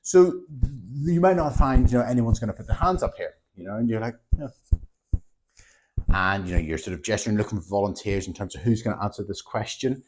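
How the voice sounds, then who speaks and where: A maths teacher with a lowish voice talks fairly quickly, explaining a classroom method to fellow teachers in a chatty, animated way and tagging lines with "okay?" to check in. The recording is rough, with slight background noise.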